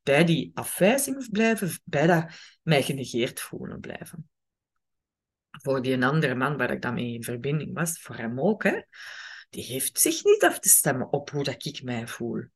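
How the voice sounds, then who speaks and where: A woman's voice: very deep voice, measured pace, slightly rough. A woman with a Flemish accent hosting a casual podcast monologue, acting out inner dialogue and often checking in with the listener. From Belgium. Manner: lively, acts out inner dialogue, many tag questions. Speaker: podcast host, relationship coach.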